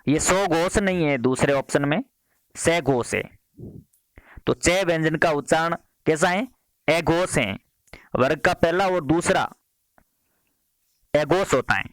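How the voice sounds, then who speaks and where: A man running a quiz-style grammar lesson for exam students, his voice sitting a little high. He reads out each question with its options, then repeats it and settles the answer, moving briskly from one question to the next. The sound is dry and close. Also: dry recording. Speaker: exam-prep teacher.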